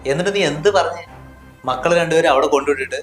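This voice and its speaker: A man's voice: a little high, racing, reverberant, faint music behind, natural voice. A man acting a husband in a short drama, scolding and dismissive in tone. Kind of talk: scripted drama dialogue.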